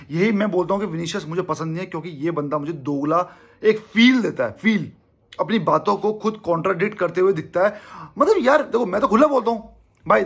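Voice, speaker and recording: A man's voice: sits high, creaky, slightly rough. A young man from India hosting a football fan channel, giving an emphatic casual opinion monologue to his viewers and constantly calling them brother.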